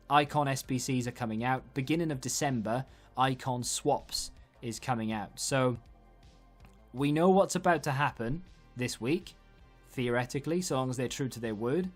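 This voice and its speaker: A man's voice: mid-range voice, moderate pace. A man giving casual, rambling video game commentary, thinking aloud in a conversational way as he hosts. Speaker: gaming video host. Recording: background music. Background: music under the voice.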